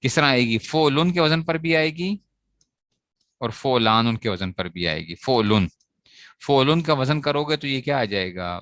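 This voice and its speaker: A man's voice: mid-range voice, lively intonation, measured pace, fairly bright tone, no room sound. A man teaching a grammar lesson to students, asking questions and answering them himself as he repeats the key points. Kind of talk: classroom lecture on Arabic grammar.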